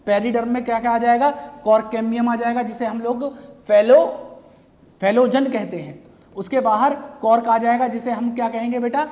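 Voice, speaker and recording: A man's voice: extremely high pitch, a little mellow. A man teaching biology in a lecture over slides. He keeps asking the class questions and answering them himself, and he calls his students "beta". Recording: long reverb, hall-like.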